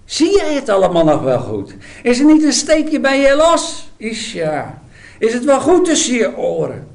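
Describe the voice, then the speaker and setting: A preacher voicing a scornful exile who mocks the prophet in a taunting, sarcastic way. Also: male voice, very high voice, wildly swooping pitch, measured pace, vocal fry, voice pushed up, exaggerated voice. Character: mocking exiled bystander, scornful man.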